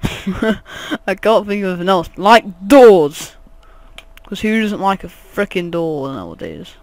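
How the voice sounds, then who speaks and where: A man's voice: high-pitched, big pitch swings, moderate pace, no room sound. A man giving rambling, jokey let's play commentary, swearing often. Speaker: gaming channel host.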